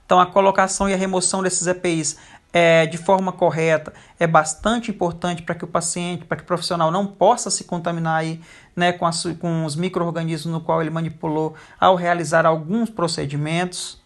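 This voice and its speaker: A teacher giving a recorded lecture over slides, pausing often with fillers. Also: mid-range voice, little pitch movement. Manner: frequent hesitation fillers.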